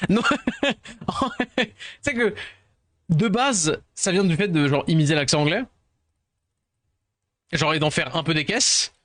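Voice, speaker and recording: A rambling, self-deprecating streamer from France who sounds tired. He chats casually with his viewers and slips English words into his talk. His voice sits fairly high, and the sound is dry and close. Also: slow pace, long pauses, a bit bright, no echo.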